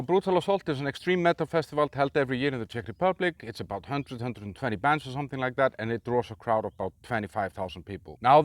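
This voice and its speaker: A man's voice: medium pitch, no echo, studio quality. Icelandic man reviewing a metal festival. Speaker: metal channel host.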